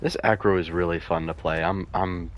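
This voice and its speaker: A man's voice: low-pitched, fairly even intonation, normal speed, dull audio. A man doing casual live gameplay commentary as a streamer, griping in exasperation, with some noise behind him. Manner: exasperated gamer griping, swearing mildly. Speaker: game streamer.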